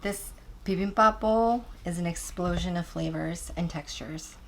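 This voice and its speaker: A woman's voice: on the low side, measured pace, poor audio. A woman hosting her own cooking video, chatting enthusiastically to viewers as she cooks and tastes. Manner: chatty, enthusiastic, keeps addressing viewers as guys. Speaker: cooking channel host. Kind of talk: casual cooking demonstration.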